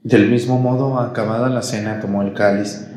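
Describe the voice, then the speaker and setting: Priest intoning in a cathedral echo. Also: male voice, lowish voice, fairly even intonation, a little mellow. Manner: solemn, measured intoning. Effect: echo of a large church. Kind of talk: liturgical prayer recitation at Mass. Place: large church. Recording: echoey church sound from a room mic.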